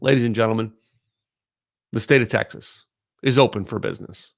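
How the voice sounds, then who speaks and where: This podcast host's fairly low, creaky voice moves fairly quickly as he preaches bluntly and emphatically to camera, returning again and again to "ladies and gentlemen." It was recorded on camera with clean studio sound and no room tone.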